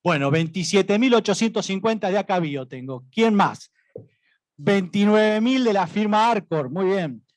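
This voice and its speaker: A man's voice: high voice, animated, a little slow, no room sound, studio quality. A man with an Argentine accent working as an auctioneer, calling out rising bids, repeating prices and prompting for more.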